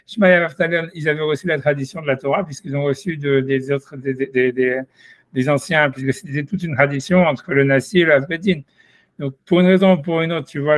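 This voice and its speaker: A man teaching an informal Talmud lesson, thinking aloud in a halting way with many restarts. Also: a little high, dry recording. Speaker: Torah study teacher.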